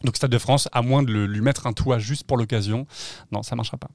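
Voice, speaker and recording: A man's voice: mid-range voice, fairly even intonation, brisk, a little mellow, no echo. Hesitant man thinking aloud, dry sound. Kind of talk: casual chat.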